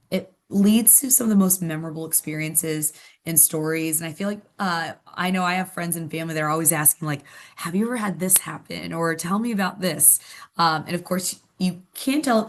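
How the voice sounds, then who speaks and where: A woman with a Midwestern accent and a lowish voice talks as a nurse in a casual webinar. She is chatty and catches and corrects herself quickly along the way. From Ohio.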